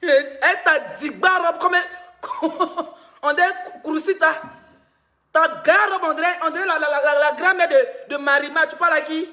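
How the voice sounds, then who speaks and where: Brief: woman blogger, high sharp voice, mocking live-stream gossip. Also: steady tone, a little slow. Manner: mocking, laughs often, teasing.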